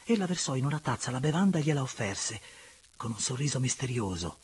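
A man narrating a classic novel aloud in an expressive, hushed storytelling manner. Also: medium pitch, a little fast, a little hiss or hum. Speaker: audiobook reader. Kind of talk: dramatic literary narration.

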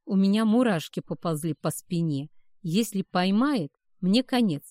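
A woman narrating a first-person story as an audiobook in an even storytelling manner. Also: medium pitch, measured pace, dry recording, clean studio sound.

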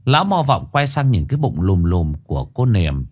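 A man narrating a ghost story in a dramatic, expressive way. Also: on the low side, moderate pace.

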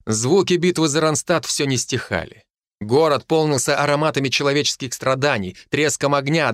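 Male audiobook narrator, steady first-person storytelling, mid voice, dry close recording. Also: mid-range voice, no echo.

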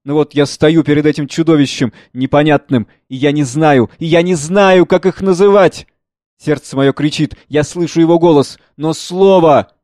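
An anguished, earnest aging writer and father, as a male reader voices him in a read-aloud play. He speaks in a raised, high, impassioned declamation. The voice sits close and dry, with no room sound. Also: moderate pace, a little mellow, no room sound, natural voice.

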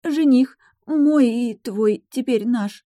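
A woman's voice: slow pace, warm tone, no room sound, studio quality. A woman voicing a jumpy, tearful seventeen-year-old sorceress girl in an audiobook, whiny and panicky. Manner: whiny, panicky, high-strung. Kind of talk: audiobook character voice.

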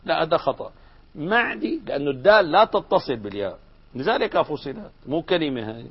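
A grammar teacher, his fairly high voice swinging up and down as he explains. He keeps asking his students questions in a lively classroom manner. The recording sounds dull and lo-fi. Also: fairly quick, breathy edge.

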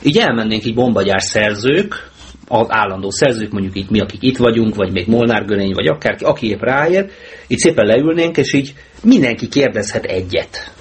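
A man hosting an amateur talk radio show, chatting casually with a joking, sarcastic manner. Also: animated. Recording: low-bitrate mono mp3 with faint hiss.

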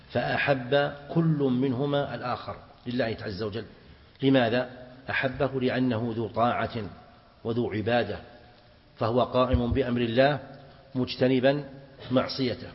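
Sheikh giving a slow mosque lesson. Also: male voice, medium pitch. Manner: slow, deliberate explanation, quizzing students. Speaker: sheikh teaching a classical text. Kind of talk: mosque lesson explaining hadith. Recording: dull reverberant hall recording.

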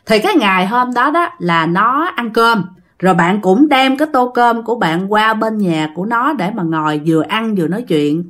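A woman's voice: medium pitch, lively intonation, moderate pace, fairly bright tone. A woman tells ghost stories in a casual, chatty way, often turning to speak to her listeners directly. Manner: chatty, addresses listeners often, many fillers. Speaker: storyteller. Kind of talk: casual ghost story retelling.

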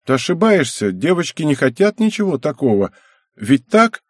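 A man voices a timid, spineless teenage boy for an audiobook. He pleads slowly in a raised, husky voice. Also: a little high, very animated, no room sound, clean studio sound, pitched above the performer's own voice. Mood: pleading.

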